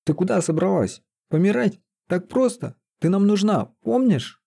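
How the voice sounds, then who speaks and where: A man's voice: fairly high pitch, animated, moderate pace, dark tone, breathy edge, pitched above the performer's own voice. A man doing an earnest pleading young sorcerer. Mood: angry. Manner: urgent, pleading.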